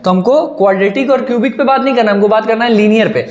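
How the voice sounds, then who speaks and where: In a classroom-style lesson recorded in an echoey room, a male math teacher quizzes his students, asking questions and then answering them himself while repeating key points. His voice sits high, and he talks fast.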